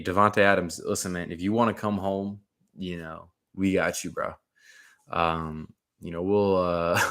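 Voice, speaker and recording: A very deep-voiced man, a sports commentator, talks football in a loose and rambling way. His casual chat is full of slang like "man," "dude," and "bro," and he often restarts his sentences.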